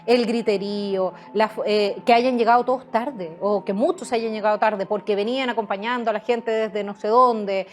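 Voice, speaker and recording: A woman's voice: medium pitch, steady tone, moderate pace, few pauses, faint music behind. A woman answering interview questions as a guest author, hesitating often with fillers and restarts.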